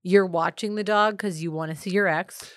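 A woman's voice: fairly low pitch, steady tone, normal speed, crowd noise. A woman co-hosting a casual advice podcast, chatty and opinionated, with many filler words. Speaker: podcast co-host.

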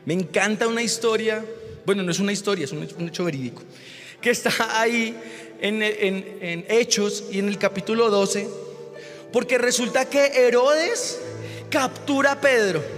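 A man with a strikingly high, bright voice preaches from the pulpit. He tells his story animatedly and breaks into shouts. The sound rings through a reverberant church hall over soft music. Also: normal speed. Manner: animated, builds to shouted exclamations. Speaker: pastor. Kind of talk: sermon with personal storytelling.

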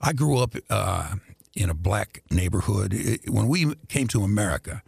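An older man with a low, gravelly, husky voice tells stories unhurriedly, drawling and laughing often. He was born in Greece and grew up in Indianapolis. The sound is close and dry, with no room echo. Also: moderate pace. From born in Greece, raised in Indianapolis. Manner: relaxed, drawling, laughs often, many fillers. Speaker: radio personality, guest. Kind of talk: casual interview storytelling.

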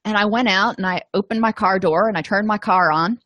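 A woman's voice: medium pitch, a little fast, a bit bright, dry recording. A middle-aged woman from Florida giving a casual course lecture, chatty and self-deprecating with frequent asides. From Florida, USA. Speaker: counseling course instructor. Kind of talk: informal lecture.

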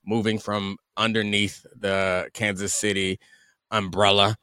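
A man's voice: fairly low pitch, flat delivery, unhurried, pushed and bright, smooth, dry recording, studio quality. A man co-hosting a sports podcast with wry, conversational casual commentary.

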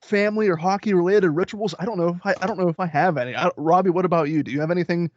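A man's voice: sits high, racing. A man co-hosting a podcast in casual chat, hesitant and often repeating himself. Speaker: podcast co-host. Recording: dry, dull lo-fi sound.

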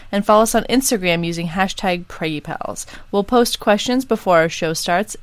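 A woman in her twenties, the show's producer, speaking briskly and friendly. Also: medium pitch, no room sound. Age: 20s. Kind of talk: casual podcast talk.

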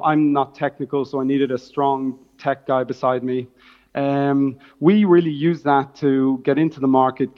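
A man with a Dublin accent answers interview questions as a startup founder. His intonation stays very level as he explains things in business jargon. The sound is slightly muffled and band-limited. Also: medium pitch. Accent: Dublin Irish. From Dublin, Ireland.

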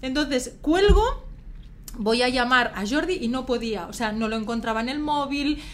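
A woman guest in a podcast interview, telling a personal story in a lively, emotional and rambling way. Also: high-pitched, moderate pace, a little hiss or hum.

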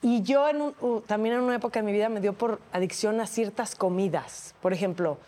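A woman in her thirties with a Mexican accent, co-hosting a casual chat and telling lively stories. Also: mid-range voice, brisk. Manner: animated storytelling, acts out quotes. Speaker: co-host.

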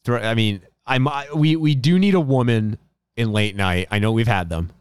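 A man's voice: mid-range voice, moderate pace, clear, resonant tone, dry recording, studio quality. A man hosting a podcast in casual chat, rambling and chatty, often restarting his sentences. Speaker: podcast host.

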